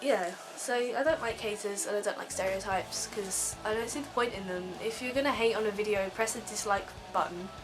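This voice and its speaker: A woman's voice: mid-range voice, fairly quick, hardly any pauses, music in the background, low-quality recording. A teenage girl ranting casually in a vlog from her bed, rambling with lots of ums. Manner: rambling, filler-heavy, frequent ums. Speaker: vlogger.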